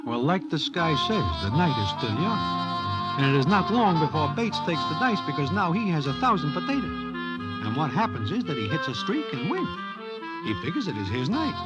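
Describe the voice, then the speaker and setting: A slangy Broadway storyteller in a vintage radio play, over music. His voice is high and swoops widely as he narrates warily in stiff, present-tense street talk. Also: big pitch swings, fairly quick, low-quality recording. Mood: wry narration. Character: wary, slangy male Broadway storyteller and onlooker. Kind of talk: 1940s-50s radio drama narration.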